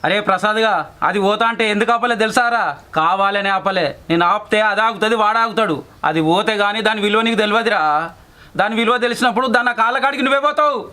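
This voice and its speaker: A man's voice: high voice, steady tone, quick pace, bright, forceful tone. A man with a Telangana accent playing a village elder who firmly scolds and mediates. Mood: stern. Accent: Telangana Telugu. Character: stern village elder mediating a family quarrel. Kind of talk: short film drama acting.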